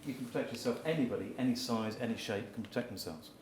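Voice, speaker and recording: Speaking quickly at medium pitch, a man gives a brief live talk, coaching the audience through exercises and occasionally shouting out. The recording comes from far off in a reverberant hall, with the audience audible.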